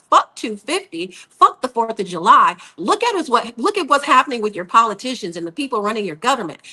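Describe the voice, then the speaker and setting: Blunt, cursing woman with a bright voice. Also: fairly high pitch. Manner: blunt, profane ranting. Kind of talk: casual political chat.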